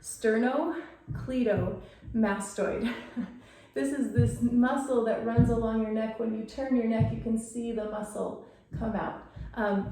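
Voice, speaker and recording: A woman's voice: fairly high pitch, dark tone. A woman teaching dance, calling out movement terms and counts as she demonstrates. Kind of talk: instructional dance lesson. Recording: echoey room from far off.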